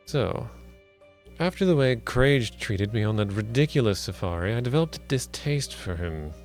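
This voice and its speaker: A man live-streaming a game, chatting casually with viewers and reading game text aloud in a plain voice. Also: mid-range voice. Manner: chatty, asks viewers for feedback. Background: soft background music.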